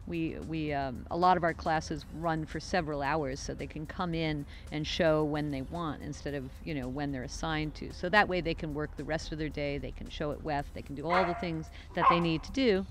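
A middle-aged woman answering an interviewer's questions outdoors on a farm lawn, talking into his handheld mic in a relaxed, conversational way and often restarting her sentences. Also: low-pitched, normal speed, few pauses, soft background music. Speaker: guest, show organizer. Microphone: interviewer's handheld microphone.

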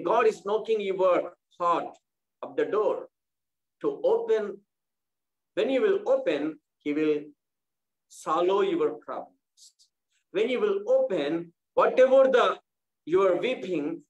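Slow, high-voiced male pastor preaching. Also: rough recording. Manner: repetitive preaching with halting restarts. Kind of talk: sermon.

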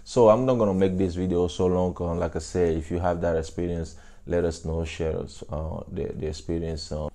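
Seated on a couch indoors in a small room with a lapel mic, a thirtyish man from Africa casually gives sincere, encouraging advice to his vlog's camera, often using "you know." A local African language and then French are his first languages; his low, mellow voice holds a steady tone at a moderate pace with few pauses.

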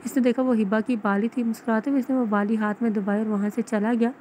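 A woman narrating a romance novel aloud in a steady storytelling manner. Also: a little high, fast talker, slight background noise, rough recording.

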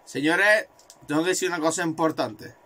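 A man commentating his own football video game, excitable and swearing, repeating words in rapid bursts. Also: fairly high pitch. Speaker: gaming video creator.

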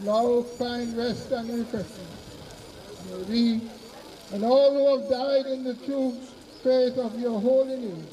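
A male clergyman reads graveside prayers in short, solemn phrases. His voice is strikingly high and mellow, and he is recorded outdoors from a distance. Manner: measured, formal recitation in short phrases. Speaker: clergyman officiating at a burial. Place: outdoor cemetery on open grassy ground. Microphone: far camera behind the speaker. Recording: distant mic outdoors, faint noise.

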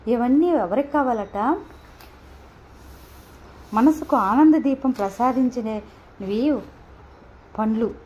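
A woman reading a novel aloud in first person, with measured, expressive storytelling. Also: a little high, lo-fi sound. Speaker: audiobook narrator.

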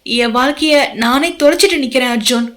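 A woman's voice: high-pitched, a little fast, fairly bright tone. A woman voicing a guilt-ridden young woman who pleads tearfully in an audio novel. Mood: pleading.

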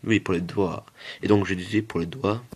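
A man with a low, slightly rough voice hosts a gaming video, speaking steadily at a moderate pace. His commentary rambles casually as he repeats himself and drifts into joking asides for viewers.

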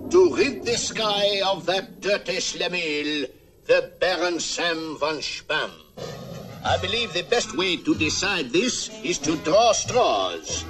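Cartoon squadron commander, formal, ceremonious, unhurried delivery, music behind. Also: male voice, high voice. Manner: ceremonious, measured. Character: formal military squadron commander addressing his officers. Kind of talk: cartoon acting.

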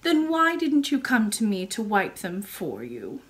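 A woman voicing a very old, kindly and mysterious royal great-great-grandmother in a storybook, speaking in a calm, measured way. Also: mid-range voice. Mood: gentle concern. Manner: measured, gently assured.

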